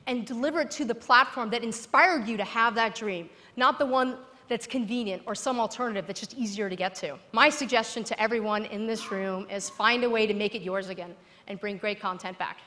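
A woman's voice: a little high, brisk, bright, forceful tone. A woman in her thirties giving a persuasive conference keynote on a large stage, speaking emphatically with rhetorical repetition. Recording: long hall reverb.

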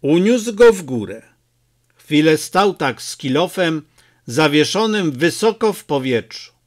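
A male audiobook narrator reads a novel with measured, expressive storytelling. His voice is fairly high and moves very freely in pitch, and he takes his time with every phrase.

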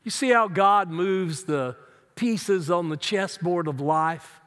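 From his seat in a spacious sanctuary, a middle-aged pastor preaches slowly in a high, fairly bright voice, earnest and emphatic, his hands gesturing broadly. A long church hall reverb hangs over the recording.

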